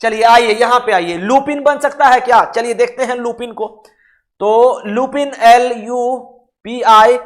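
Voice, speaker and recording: A man teaching reasoning in a casual live online lesson, often checking "okay?" and spelling words out letter by letter. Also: very high-pitched. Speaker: online exam-prep teacher.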